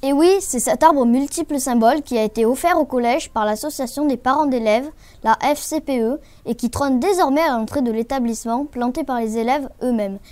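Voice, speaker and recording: A woman's voice: high voice, a little fast, few pauses, darkish tone. A woman presenting a scripted amateur school news programme as one of its hosts.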